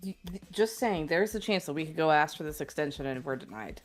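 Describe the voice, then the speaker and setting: A woman's voice: low voice, lively intonation, quick pace. A woman chatting casually about plans as a player in a tabletop role-playing game. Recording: music behind the voice.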